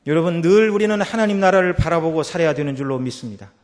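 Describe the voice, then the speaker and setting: A man preaching a Sunday sermon as pastor. He swings from quiet passages to loud, emphatic peaks and asks the congregation rhetorical questions. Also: expressive, fast. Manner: rising to loud emphatic peaks, then dropping low. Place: church sanctuary.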